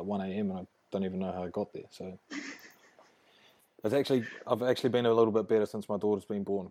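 Warm and low-pitched, this young man's voice carries a broad New Zealand accent as he appears as a rugby player guest in an interview. His casual chat is relaxed and full of slang.

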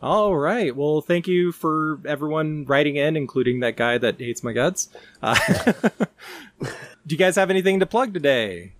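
A man's voice: a little high, animated, normal speed, a bit bright, no echo. A man hosting a podcast in casual chat, laughing often and poking fun at himself. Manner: laughs often, self-deprecating. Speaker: podcast host.

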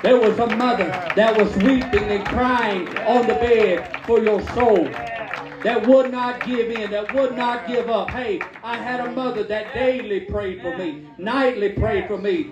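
With a crowd and background noise behind him, a man with a high-pitched voice preaches a fervent Pentecostal sermon at a measured pace in a church hall service. He exhorts emphatically, repeating phrases as the congregation answers back, in a lo-fi, echoey recording.

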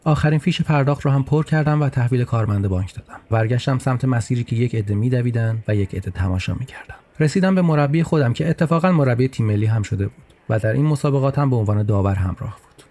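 Wry storytelling man, mellow voice. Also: mid-range voice, a little hiss or hum. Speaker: narrator. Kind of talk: storytelling podcast narration.

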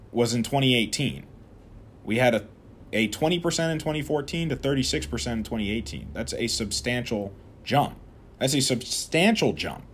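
A man hosting an opinionated political commentary show, talking straight to his viewers in a sarcastic, animated way. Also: mid-range voice.

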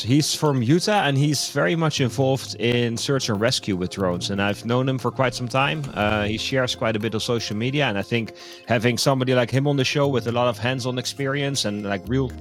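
An easygoing man co-hosts a podcast and often pauses on fillers. His voice sits at a middle pitch, and faint music plays underneath. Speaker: podcast co-host and drone news writer. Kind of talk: casual podcast chat.

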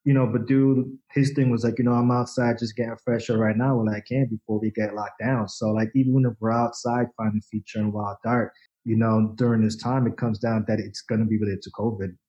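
A man's voice: fairly low pitch, flat delivery, fairly quick, warm tone, dull audio. A man in his forties from the Dominican Republic, a photojournalist guest chatting loosely with lots of fillers, restarts and casual swearing. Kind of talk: casual interview chat.

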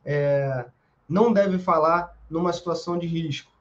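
A man with a Brazilian accent teaching self-defense in a casual, emphatic way, full of slang and quick "right?" checks. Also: fairly high pitch, lo-fi sound. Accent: Brazilian Portuguese. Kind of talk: informal spoken lesson.

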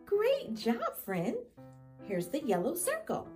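A woman speaks like a kindergarten teacher to preschoolers, encouraging and sing-song. Her delivery is slow and swoops widely in pitch, with a soft, mellow tone. She asks simple questions and leaves room for answers. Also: wildly swooping pitch, faint music behind. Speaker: children's show host. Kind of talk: preschool lesson addressed to young children.

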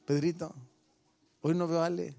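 A man's voice: fairly high pitch, level tone, normal speed, vocal fry, mellow, faint music behind. A middle-aged man with a Mexican accent preaching a sermon to his church, firing questions at the congregation and teasing listeners by name. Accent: Mexican Spanish. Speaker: pastor.

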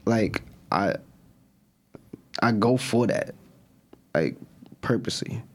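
A man's voice: lowish voice, lively intonation, takes it slowly, a little mellow. A man co-hosting a podcast, talking casually and rambling with lots of "like" as he works through his thoughts. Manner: rambling, hedging with "like". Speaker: podcast co-host. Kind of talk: casual chat.

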